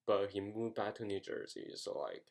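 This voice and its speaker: A young man from the United States tells a story in a casual vlog and rambles, filling gaps with "like." His voice sits fairly low, with a creaky, gravelly texture. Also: moderate pace, darkish tone. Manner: rambling, heavy use of "like" fillers. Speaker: vlogger.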